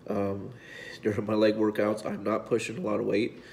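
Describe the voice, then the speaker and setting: A man, a physique coach giving a heartfelt personal video update, halting and fighting back tears. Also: on the low side, completely flat delivery, gravelly, darkish tone, a little hiss or hum. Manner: halting, repeats words, speaks from the heart. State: tearful, voice breaking at times.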